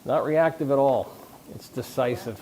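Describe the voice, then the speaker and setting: A man gives a loose, conversational talk to a live audience at a company conference. He jokes, restarts his sentences and throws questions at the room. His voice sits in a plain middle pitch. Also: normal speed, a little mellow, slight background noise. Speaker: conference speaker on leadership.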